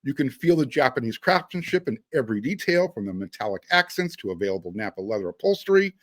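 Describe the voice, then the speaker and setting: This sports podcast host speaks quickly at a medium pitch, with big swings in intonation and a slightly bright tone. The studio-quality recording has no room sound. He chats casually and emphatically about sports and reads sponsor spots aloud.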